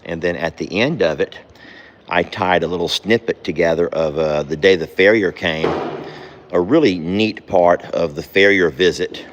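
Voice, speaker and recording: A man's voice: low voice, normal speed, lo-fi sound, slight background noise. A man chatting casually on his farm vlog as he does barn chores. He coos at the animals and scolds them in a sharply raised voice. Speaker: farm vlogger.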